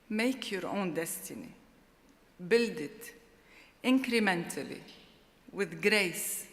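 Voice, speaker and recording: A middle-aged woman gives a formal award acceptance speech at a podium microphone, in a slow, deliberate and heartfelt way. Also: mid-range voice, fairly bright tone. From Lebanon. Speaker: award laureate. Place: large ceremony hall. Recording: long hall reverb.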